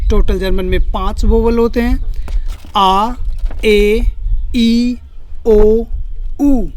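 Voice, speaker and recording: A man's voice: high-pitched, darkish tone, a little hiss or hum. A man teaching German pronunciation, saying each example word twice. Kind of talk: pronunciation lesson.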